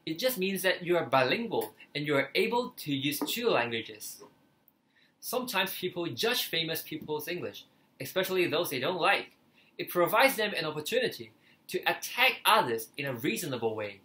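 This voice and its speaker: A man's voice: on the high side, very animated, moderate pace, bright, forceful tone. A young man from Hong Kong with a Cantonese accent, a native Cantonese speaker, talking earnestly to camera as a language-learning vlogger. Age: young adult. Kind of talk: earnest opinion talk to camera. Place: small living room, indoors.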